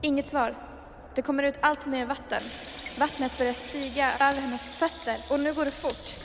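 A woman's voice: sits high, fairly even intonation, long reverb tail, heavy background noise. A woman improvising a horror story, narrating with suspense and building tension.

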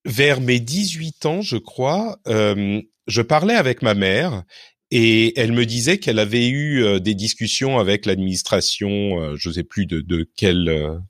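Low-voiced man musing in a dry recording. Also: lively intonation, a little slow, fairly bright tone, no room sound. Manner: reflective and digressive, self-correcting. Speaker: interview guest. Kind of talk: relaxed personal interview.

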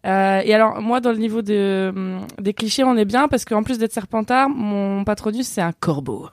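A woman's voice: mid-range voice, normal speed, dry recording, clean studio sound. A young woman, a podcast guest, chatting playfully and hesitantly with lots of fillers. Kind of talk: casual podcast chat.

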